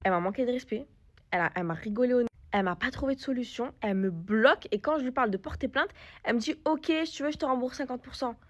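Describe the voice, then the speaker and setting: A young woman telling a casual story-time vlog, animated and indignant, slipping into broken English. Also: fairly high pitch.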